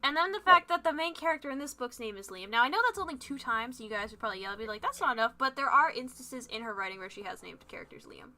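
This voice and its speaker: A woman's voice: a little high, animated, fast, hardly any pauses, bright, forceful tone. A woman co-hosting a casual book chat, giggly and teasing as she talks. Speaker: podcast co-host.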